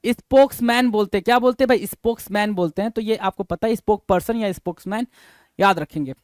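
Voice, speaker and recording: A man's voice: sits high, fast talker, dry recording. A man teaching an exam-prep vocabulary lesson, repeating each word, spelling it out letter by letter and checking in with students through rhetorical questions.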